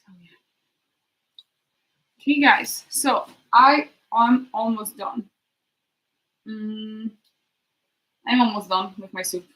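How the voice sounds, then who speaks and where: A woman chatting casually to her live stream while she cooks, thinking aloud in a halting way and trailing off. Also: on the high side, pushed and bright. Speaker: streamer hosting a live cooking chat. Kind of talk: casual chat while cooking. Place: kitchen, next to the sink. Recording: noisy kitchen with clicks. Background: cooking noises and clicks.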